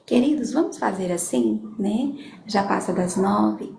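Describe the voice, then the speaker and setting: A woman's voice: mid-range voice, vocal fry, mellow. A woman leading a prayer session, affectionately reading out names and prayer requests, often adding "amém" and "né". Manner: affectionate, reads out names slowly, frequent amém and né. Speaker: church leader taking prayer requests. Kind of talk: live-stream prayer session. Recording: echoey room with ambient noise.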